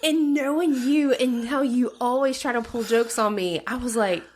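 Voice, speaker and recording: A woman co-hosting a casual podcast, talking in an animated, teasing way. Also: fairly high pitch, moderate pace, slight background noise. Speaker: podcast co-host. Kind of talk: casual chat.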